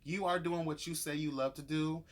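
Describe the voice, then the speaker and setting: This man's reality-show review on YouTube is casual and profane, delivered in a sassy, emphatic, slangy style with frequent honeys and girls. His slightly high voice holds a steady tone at normal speed.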